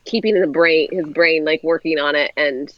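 On a video call with dull, dry audio, a woman guest and co-author talks through co-writing in a casual interview. Her low-pitched voice keeps a steady tone at normal speed, and she sounds thoughtful, hedging with fillers.

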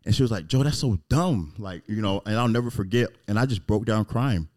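A man's voice: fairly low pitch, fast, darkish tone. A man talking earnestly and emotionally in a candid conversation, full of "like" and "man".

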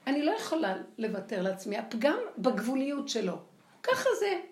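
An older woman giving a lively spoken religious lecture, acting out the voices she quotes. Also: fairly high pitch. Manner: animated, acts out quoted voices. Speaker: religious teacher. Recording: echoey room with faint noise.

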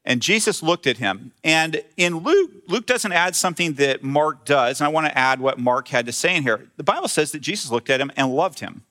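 A male pastor preaching a conversational sermon in a church, retelling a scripture story with lively voiced quotes. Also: on the high side, normal speed, hardly any pauses. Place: church sanctuary with screen.

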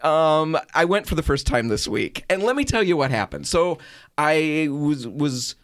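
A middle-aged man hosting a radio show, chatting casually and telling a story in an animated way. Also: on the high side, unhurried, no echo, clean studio sound. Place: radio studio.

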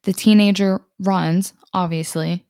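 Slow, smooth-voiced woman telling eerie tales. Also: on the low side, steady tone, a little mellow, dry recording, clean studio sound. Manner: unhurried, musing asides, occasional restarts. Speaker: storyteller. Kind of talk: casual paranormal storytelling.

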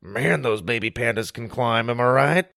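A man's voice: mid-range voice, moderate pace, vocal fry, fairly bright tone, dry recording, clean studio sound. A man voicing a smug, cocky boy hero who drawls teasing taunts. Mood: playing it cool.

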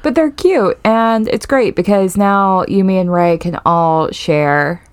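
A woman's voice: medium pitch, slow, clean tone, dry recording. A woman co-hosting a podcast in casual, playful banter, recorded inside a small closet. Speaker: podcast co-host. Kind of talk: casual chat.

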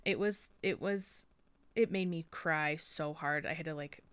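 A woman's voice: sits low, a little slow, a bit bright, clear, resonant tone, no room sound. A young woman co-hosting a podcast, chatting casually and getting emotional, with frequent laughter. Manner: gushing, emotional, laughs often. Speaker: podcast co-host. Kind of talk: casual chat.

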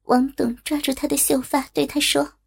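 A woman reading a story aloud as narrator, in a steady, even storytelling manner. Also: high-pitched, moderate pace, creaky.

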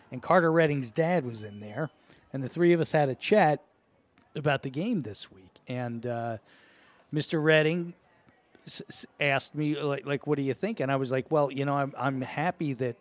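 A man working as color commentator on a local football broadcast, chatty and joking in his asides. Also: mid-range voice. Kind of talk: casual broadcast banter.

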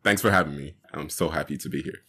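A young man from Jamaica, a guest activist, talking earnestly in an interview with pauses to think. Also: extremely low pitch, pushed and bright, husky. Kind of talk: casual interview talk.

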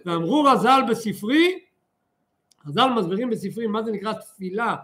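Male Torah teacher, higher voice, animated and fervent, leans hard on key words. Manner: animated, fervent, drawn-out emphasis. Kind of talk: religious lesson with storytelling.

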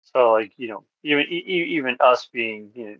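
A man's voice: medium pitch, lively intonation, brisk, no echo. Rambling man on a podcast, dull sound. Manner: rambling, many fillers and restarts. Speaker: podcast co-host. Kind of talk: casual chat.

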